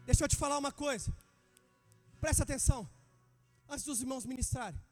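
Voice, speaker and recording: Brazilian preacher guy, really high voice, fired up calling out to the church, big hall echo. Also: a little fast, soft background music. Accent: Brazilian Portuguese. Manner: fervent, calls out to the congregation, builds to shouting. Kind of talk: sermon.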